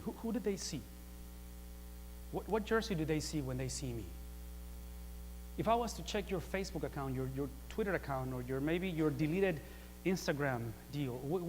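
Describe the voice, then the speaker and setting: A man preaching a sermon, chatty and full of rhetorical questions, swinging from quiet asides to loud emphatic peaks. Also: a little high, long reverb tail, slight background noise. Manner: conversational, with rhetorical questions and repeated phrases.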